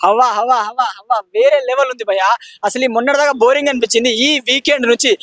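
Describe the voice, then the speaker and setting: A man's voice: very high-pitched, fairly even intonation, fast talker, a bit bright, dry recording, studio quality. A man giving a heated street opinion, repeating words for emphasis. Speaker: street interviewee.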